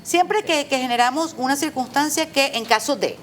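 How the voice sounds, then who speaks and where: A woman's voice: high-pitched, normal speed, a bit bright. A middle-aged woman, a Spanish teacher, patiently explaining spelling rules with examples in an interview. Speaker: Spanish teacher and proofreader, guest. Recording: faint background noise.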